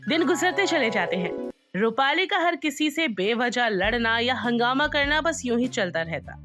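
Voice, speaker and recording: Lively woman narrating a storybook. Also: on the high side, moderate pace, soft background music.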